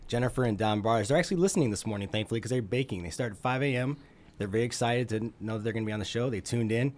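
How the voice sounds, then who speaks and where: A man's voice: medium pitch, racing. A man contributing a regular food segment on a radio morning show, upbeat and enthusiastic as he describes dishes in detail. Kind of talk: casual radio chat. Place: radio studio.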